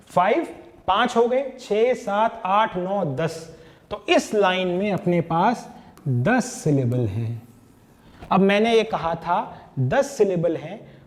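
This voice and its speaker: Slow, high-voiced male teacher. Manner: patient, counts out syllables and beats one by one. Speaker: literature teacher. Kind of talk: explaining a poetry lesson.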